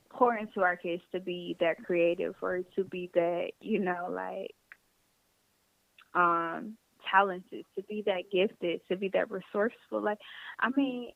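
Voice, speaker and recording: A woman's voice: mid-range voice, fairly even intonation, unhurried, gravelly, no room sound. A woman from Detroit, a singer and teacher, talking candidly and animatedly as a podcast guest. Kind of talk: casual chat. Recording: tinny phone-like line.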